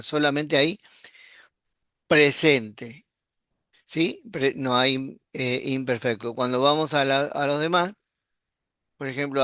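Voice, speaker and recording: Male language teacher, smooth clear voice, unhurried online lesson. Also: medium pitch, fairly bright tone, no echo, clean studio sound. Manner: patient, explanatory, checks in with "¿sí?". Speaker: Greek teacher. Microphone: computer mic while screen sharing.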